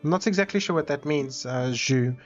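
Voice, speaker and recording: A man's voice: a little high, fairly quick, muffled recording, soft background music. A man streaming a game, chatting casually with viewers in a rambling, self-interrupting, playfully dramatic way. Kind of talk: casual live-stream chat while gaming.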